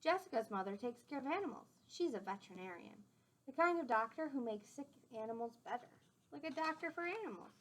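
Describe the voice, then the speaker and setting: The audio is poor as a woman briskly reads a picture book to young children, her voice a little high. She reads expressively, like a teacher, adding simple explanatory asides.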